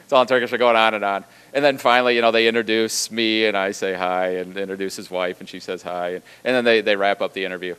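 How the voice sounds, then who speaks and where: A man, a theology professor, giving a lively storytelling lecture with a conversational, animated manner and frequent asides. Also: fairly low pitch, fast talker, few pauses, clean tone.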